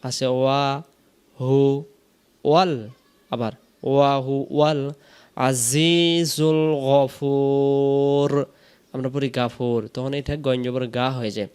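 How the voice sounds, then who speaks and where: A man with a Bangladeshi Bengali accent teaching Quran recitation, chanting each verse slowly with long drawn-out vowels and then explaining the pronunciation. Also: mid-range voice, steady tone, darkish tone, clear, resonant tone. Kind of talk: slow recitation lesson.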